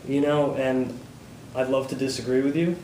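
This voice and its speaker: A man with an ordinary mid-range voice co-hosts a small business news show, chiming in agreeably and speaking casually. He sits a little away from the mic in an echoey room with a faint rumble behind. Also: steady tone, normal speed, a little mellow, recorded from a distance. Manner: agreeable, brief interjections. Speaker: co-host.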